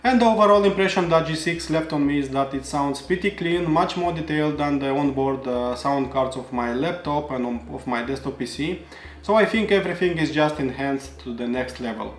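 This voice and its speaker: A man's voice: a little high, a little fast. Man reviewing audio gear, roomy echo. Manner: earnest, explanatory, opinionated. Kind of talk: product review narration.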